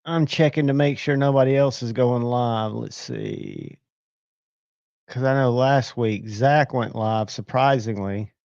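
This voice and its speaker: Male streamer host, mid pitch, rambling casual chat, dull dry audio. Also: measured pace, vocal fry, darkish tone, no room sound. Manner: rambling, talks to himself while checking screens. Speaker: livestream host.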